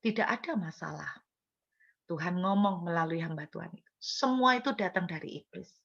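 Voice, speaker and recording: A woman's voice: fairly low pitch, animated, moderate pace, gravelly, fairly bright tone. A woman pastor with a Javanese-inflected Indonesian accent, preaching an earnest testimony sermon and speaking straight to the congregation, rising to emotional intensity. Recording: dull lo-fi sermon audio.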